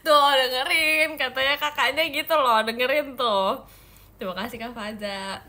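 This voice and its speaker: Brief: playful young woman from Indonesia, idol livestream host, bright and crisp, a touch high-voiced. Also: fairly even intonation, normal speed. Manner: playful and teasing, giggly. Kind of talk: casual livestream chat answering viewer comments.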